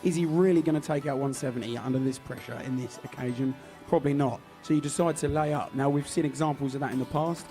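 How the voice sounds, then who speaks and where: A man's voice: medium pitch, steady tone, fast talker, few pauses, mellow, soft background music. A man presenting darts, talking through tactics in a chatty way, thinking aloud with small restarts. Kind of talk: explaining darts tactics to camera.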